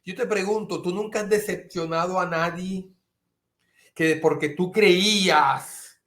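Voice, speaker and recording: A man's voice: high voice, a little slow, fairly bright tone. A middle-aged man preaching a sermon as a pastor, earnest, sometimes acting out his listeners' objections. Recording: echoey room.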